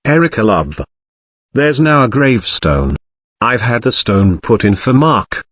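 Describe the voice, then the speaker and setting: A man voicing an older Yorkshire father, warm and kindly with gruff self-deprecation, in an audiobook. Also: mid-range voice, sing-song, measured pace, dry recording. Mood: gentle. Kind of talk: audiobook character voice.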